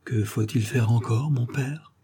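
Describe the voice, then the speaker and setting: A man's voice: mid-range voice, a little slow, breathy edge. A man doing a timid pious young girl. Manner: soft and timid.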